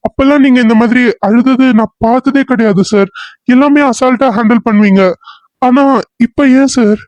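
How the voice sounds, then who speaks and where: A man's voice: very high voice, normal speed, darkish tone, no room sound, pitched above the performer's own voice. A man doing an earnest police assistant. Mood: insistent. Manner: coaxing, insistent. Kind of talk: cartoon serial voice acting.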